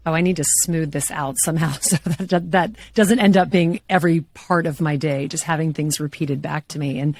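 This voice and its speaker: A middle-aged woman from Louisiana hosting an interview show, upbeat and quick to laugh. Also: sits low, steady tone, darkish tone. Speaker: podcast host.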